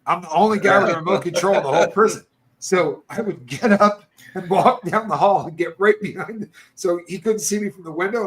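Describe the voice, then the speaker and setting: A man hosting a casual chat, telling stories animatedly and acting out what others said. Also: high voice. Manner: animated storyteller, acts out other people's lines. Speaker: podcast host.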